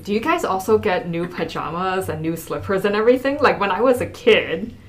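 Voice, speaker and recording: A woman's voice: medium pitch, animated, fairly quick. Brief: young woman, podcast host, upbeat and chatty, keeps the group talking. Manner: upbeat, leads the talk with questions. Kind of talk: casual podcast chat.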